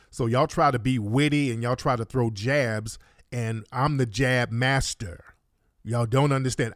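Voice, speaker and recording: A man's voice: mid-range voice, dry recording, clean studio sound. A man hosting a livestream, talking in a boastful, slangy, heated commentary style. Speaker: livestream host. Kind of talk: combative commentary.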